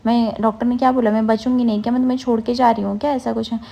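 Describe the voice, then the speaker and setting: A woman reading the lines of a gravely ill, childlike young woman who pleads and worries. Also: fairly high pitch, flat delivery, rapid-fire, mellow. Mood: pleading.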